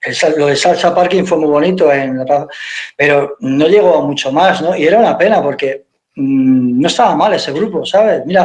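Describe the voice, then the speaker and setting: A man, a guitarist guest telling anecdotes in an interview, acting out the quoted dialogue and swearing casually. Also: on the high side. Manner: lively storyteller who acts out quoted dialogue. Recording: echoey room.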